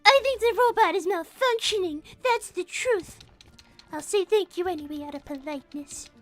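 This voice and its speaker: A woman's voice: very high-pitched, expressive, moderate pace, fairly bright tone, soft background music. A woman voicing a polite, easily flustered young girl rabbit in an improvised cartoon livestream, protesting in wordy, prim sentences. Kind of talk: improvised cartoon character livestream, reading viewer messages.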